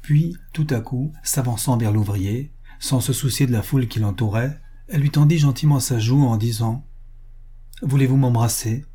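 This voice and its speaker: A man narrating a classic novel as an audiobook in a measured, even reading voice. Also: medium pitch, breathy edge. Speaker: audiobook reader.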